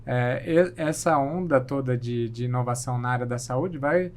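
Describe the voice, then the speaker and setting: Answering interview questions as a guest on a podcast, this Brazilian surgeon speaks at a moderate pace in a medium pitch with a Brazilian Portuguese accent. He is thoughtful but hesitant, restarting often and using plenty of fillers.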